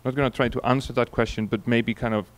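An Icelandic man in his forties, with an Icelandic accent, gives a relaxed keynote on stage in a large conference hall, speaking into a handheld microphone. He tells stories full of fillers and restarts, talking fast at a medium pitch.

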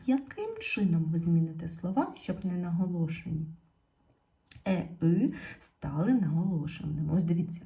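A woman's voice: deep voice, vocal fry, dark tone. A woman teaching a video lesson to young pupils in a patient, encouraging way, speaking. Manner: slow, patient, addressing pupils directly. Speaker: primary school teacher.

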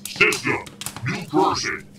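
A man's voice: slow, close to an everyday voice. A man voicing an impersonal game system that makes ominous scripted announcements. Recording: very echoey, distant, noisy with clicks.

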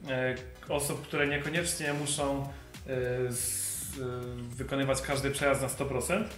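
A young man reviewing skis in a shop, explaining in a measured way and pausing to find his words. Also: mid-range voice, little pitch movement, a bit bright. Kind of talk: product review. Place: ski shop, indoors. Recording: echoey shop with faint music.

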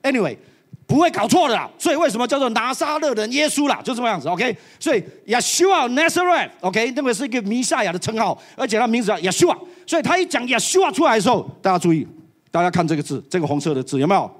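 Speaking very high and fast, a church elder preaches to a live congregation. He's animated and drops English phrases into his sermon.

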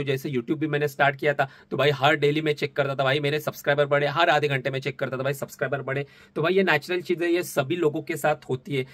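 A man in his twenties with a medium, fairly bright voice records a casual vlog on a phone at arm's length. The online seller is chatty and can't stop saying "bhai," filming in a cramped office room and later out on a street after dark.

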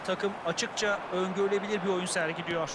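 Loud noise sits behind a male football analyst with a high-pitched voice. He co-commentates, passing opinionated judgement on the players and the run of play. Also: little pitch movement, a little fast.

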